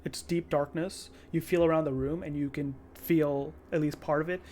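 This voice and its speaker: Halting game master, noisy recording. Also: mid-range voice, fairly even intonation, a little mellow. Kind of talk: improvised tabletop game narration. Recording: clearly audible background noise.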